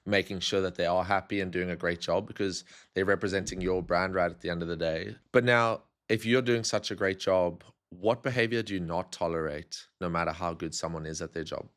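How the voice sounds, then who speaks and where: Low-voiced male host from South Africa, casual and affirming. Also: steady tone, a little fast, hardly any pauses, a bit bright. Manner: affirming, with frequent 'yeah' replies. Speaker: podcast host. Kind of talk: casual interview chat.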